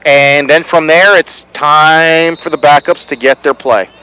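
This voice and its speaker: A man giving live high school football commentary as an analyst, explaining plays in a conversational way outdoors at a stadium. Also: steady tone, unhurried, sharp tone, clean tone, low-quality recording.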